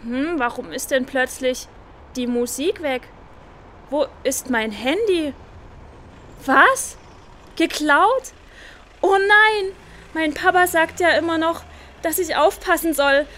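A woman's voice: sits high, unhurried, a little hiss or hum. A woman voicing a cheerful little girl in a children's audio play, chatting directly to the kids. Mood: alarmed. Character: cheerful little girl, policeman's proud daughter.

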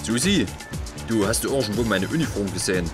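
A man's voice: fairly low pitch, lively intonation, a little fast, over music, natural voice. A man playing a forgetful, flustered police inspector and father in a children's audio play. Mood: fussy. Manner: flustered, fussy, absent-minded.

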